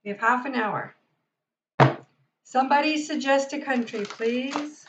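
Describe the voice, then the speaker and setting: A woman's voice: sits high, a little slow, heavy background noise. Chatty woman reading tarot live. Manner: chatty, enthusiastic, talks to viewers. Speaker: tarot reader and livestream host. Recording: dull lo-fi sound.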